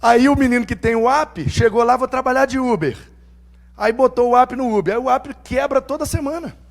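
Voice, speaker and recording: Middle-aged man, pastor, very high voice; lively sermon storyteller who plays every character in his anecdotes. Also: fairly quick, gravelly. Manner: animated, acts out quoted dialogue in voices; humorous, self-mocking.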